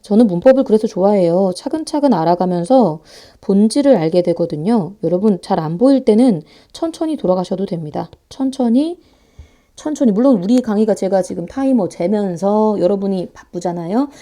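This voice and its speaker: A woman teaching a grammar lecture online in a playful, animated way, talking fast and sometimes acting out students' voices. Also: medium pitch. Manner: talks fast to save time.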